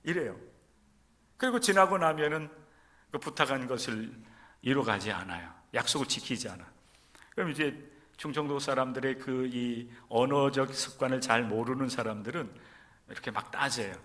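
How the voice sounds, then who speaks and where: A man from Chungcheong preaching a sermon in church, addressing the congregation directly and moving between loud, emphatic stresses and soft, near-whispered lines. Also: medium pitch, animated, moderate pace. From Chungcheong region, Korea. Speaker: pastor. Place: church sanctuary during a service.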